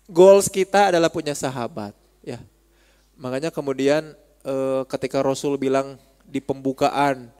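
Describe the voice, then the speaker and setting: A man's voice: mid-range voice, darkish tone. A man with a Sundanese accent giving a casual religious study talk, chatty and teasing, speaking straight to his listeners. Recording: long hall reverb.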